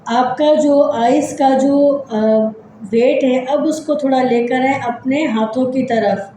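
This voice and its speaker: Mellow woman guiding a meditation, echoey. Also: high voice, steady tone, slow pace, a little hiss or hum. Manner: gentle, repetitive step-by-step guiding. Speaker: psychology channel host. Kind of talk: guided body scan meditation.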